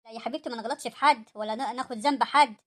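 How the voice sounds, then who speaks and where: A woman voicing a poor, gentle older mother-in-law in an Egyptian cartoon story, pleading and self-effacing, with an Egyptian accent. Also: on the high side, racing.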